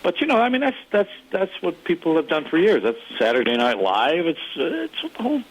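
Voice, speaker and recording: A man's voice: a little high, wildly swooping pitch, fairly quick, breathy edge, rough recording. A man, a former radio DJ, looking back on his career in an interview in a loose, playful way. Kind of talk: interview reminiscence.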